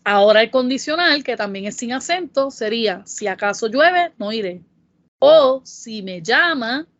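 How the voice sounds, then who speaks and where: Puerto rican spanish lady tutor, careful explaining, reads examples slow, kinda muffled dry recording. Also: on the high side, animated, dry recording. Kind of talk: scripted lesson narration. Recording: dull, dry voice-over.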